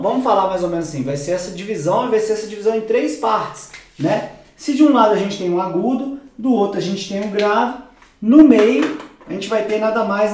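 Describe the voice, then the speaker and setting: A man teaching music theory at a whiteboard, explaining patiently, repeating key words and dropping his voice low for asides. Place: room with whiteboard. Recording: very echoey room.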